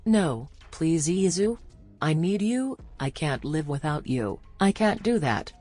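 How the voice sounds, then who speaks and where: A woman voicing a desperate, grieving young man with a raspy voice in a fan fiction audio reading. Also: deep voice, expressive, slow, a little mellow, faint music behind, heavily acted.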